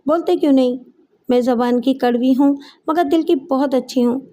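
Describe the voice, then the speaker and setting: A woman voicing a suspicious, sharp-tongued middle-aged mother who scolds and threatens in an audiobook story. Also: high voice, normal speed, lightly acted. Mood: scolding. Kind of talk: audiobook character voice.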